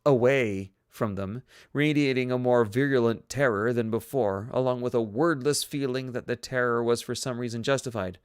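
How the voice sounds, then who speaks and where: Male audiobook narrator, mid-pitched and dry, with a steady read and self-aware humor. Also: clean tone, no room sound. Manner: steady reading with joking self-aware asides. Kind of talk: reading a novel aloud.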